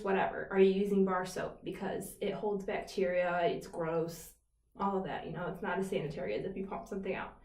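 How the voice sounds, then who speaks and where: A chatty woman vlogger talks loosely to camera, rambling through fillers and side remarks. Her voice sits at a middle pitch and sounds a little distant from the mic, with a roomy echo around it. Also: darkish tone. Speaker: skincare vlogger. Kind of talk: casual chat to camera.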